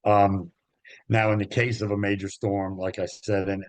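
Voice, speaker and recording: Deep-voiced man, dry sound. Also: no echo. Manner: relaxed, halting, many ums. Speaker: golf travel agent, guest. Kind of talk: interview conversation. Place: Myrtle Beach area.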